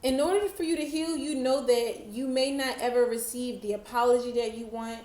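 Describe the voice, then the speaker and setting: A woman giving a tarot reading, talking slowly and reflectively straight to the viewer. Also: a little high, a little mellow, roomy sound. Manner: slow, reflective, channeling-style delivery. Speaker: tarot reader.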